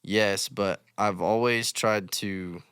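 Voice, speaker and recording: Low, clear-voiced musician. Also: male voice, steady tone, slow pace, fairly bright tone, no room sound, studio quality. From West Texas. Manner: thoughtful, explains with many "like"s. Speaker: guest musician. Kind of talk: casual interview chat.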